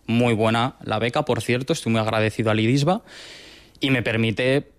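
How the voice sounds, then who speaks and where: A man in his twenties from Madrid, a doctoral researcher explaining his work in a lab in a measured, patient way with small restarts. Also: mid-range voice, fairly even intonation. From Madrid, Spain. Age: 20s. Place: research laboratory.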